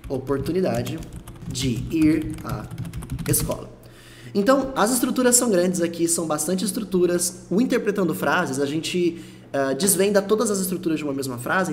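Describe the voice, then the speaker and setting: A man who speaks Portuguese natively, teaching English in an online lesson, explaining phrases step by step and repeating English words slowly to show pronunciation. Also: a little high, a little hiss or hum.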